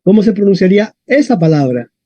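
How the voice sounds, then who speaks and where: A man teaching a classroom lesson, talking in a lively way and often adding tag questions. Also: high-pitched, fast, no echo. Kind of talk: classroom lesson on Latin stress. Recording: dull, dry lo-fi sound.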